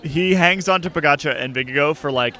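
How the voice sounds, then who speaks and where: A man with a bright, forceful voice hosts a casual podcast conversation. He talks in a relaxed, meandering way, full of fillers. He is recorded outdoors in an urban setting. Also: fairly high pitch, fairly quick, some chatter behind. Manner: relaxed, chatty with filler words. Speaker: podcast host.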